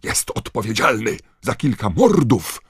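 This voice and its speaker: A man's voice: sing-song, a little slow, slightly rough, no room sound, clean studio sound, heavily acted. A man voicing a blustering, panicked male minister of magic who roars in rage. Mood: furious shouting. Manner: roaring, shrill with rage.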